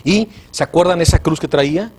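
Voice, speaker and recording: A man with a Mexican Spanish accent, a preacher hosting a religious TV show, telling a testimony with fervor and swinging between loud and hushed. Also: fairly high pitch, brisk, slight background noise. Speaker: preacher and TV host.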